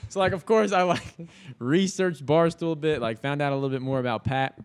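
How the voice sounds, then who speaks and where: A man's voice: a little high, fairly quick, clean tone. A young man, a podcast guest, telling a story in casual, slangy talk full of fillers and swearing. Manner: slangy and animated, heavy filler words and swearing.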